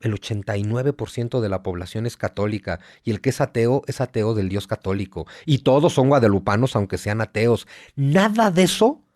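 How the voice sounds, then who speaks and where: Fairly low-pitched and a little mellow, a Mexico City-accented guest writer in his forties speaks at a moderate pace with few pauses and lively intonation. In this conversational interview he is emphatic and lecturing, heaping up lists and rhetorical questions; the studio-quality audio has no echo.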